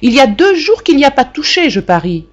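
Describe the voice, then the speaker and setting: A woman reading aloud and voicing a domineering middle-aged mother who scolds in a shrill, indignant way, on a dull lo-fi recording. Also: big pitch swings, moderate pace, mellow, breathy edge. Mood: scolding.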